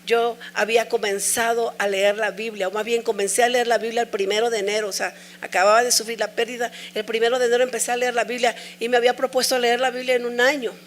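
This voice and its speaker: Earnest higher-voiced woman preaching. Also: little pitch movement, quick pace, few pauses, slight background noise. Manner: earnest, emotional personal testimony with repeated pleas. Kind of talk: sermon.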